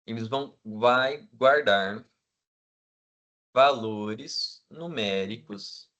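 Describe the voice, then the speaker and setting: A man teaching a class, checking in with the students all the time and filling pauses with hesitant sounds. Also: mid-range voice, pushed and bright. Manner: asks the class for agreement constantly; fills with "né?" and hesitant "é". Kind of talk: classroom lecture.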